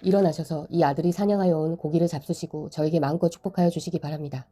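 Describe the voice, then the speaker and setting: A woman reads a wronged elder son who pleads with his father. The voice sits low and mellow, with a brisk pace. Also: steady tone. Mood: pleading.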